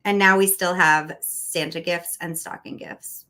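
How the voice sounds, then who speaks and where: A woman in her thirties hosting a casual chat, chatty and expressive, laughing often. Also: lowish voice, measured pace. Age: 30s. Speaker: host. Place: home room with neon light.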